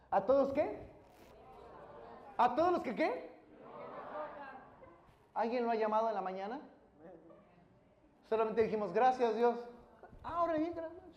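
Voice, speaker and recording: Male pastor mid-sermon, prods the congregation with questions, builds to shouts, echoey church. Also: very high voice, animated, measured pace, long pauses, dull audio. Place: church hall. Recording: roomy church echo.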